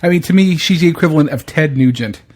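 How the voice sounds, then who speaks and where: A man's voice: on the high side, fast, a little mellow. A man hosting a podcast, chatting in a blunt, opinionated way, swearing freely and often restarting his sentences. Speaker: podcast host. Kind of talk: casual chat.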